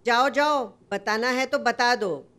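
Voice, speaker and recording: A woman's voice: fairly high pitch, slow pace, fairly bright tone. A woman voicing a brusque, busy male washerman who brushes people off. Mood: annoyed. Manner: brusque, dismissive.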